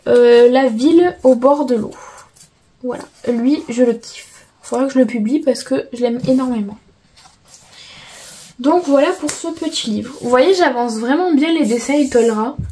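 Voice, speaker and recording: French woman vlogging her coloring, slow and hesitant, dark mellow voice, lots of euhs. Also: on the high side, a little hiss or hum, rough recording. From France. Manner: hesitant, many fillers and self-corrections. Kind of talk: casual show-and-tell chat.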